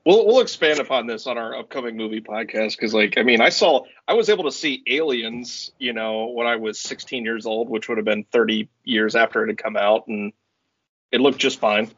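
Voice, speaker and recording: Man, podcast co-host, medium pitch, teasing casual chat, dry muffled sound. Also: fairly bright tone, slightly rough, no echo. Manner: teasing, halting with restarts.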